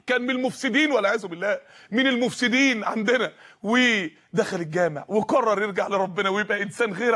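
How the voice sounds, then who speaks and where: Rapid, high-voiced Egyptian preacher. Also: male voice, fairly bright tone. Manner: impassioned, repetitive appeals, voice often close to tears. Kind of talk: emotional storytelling sermon.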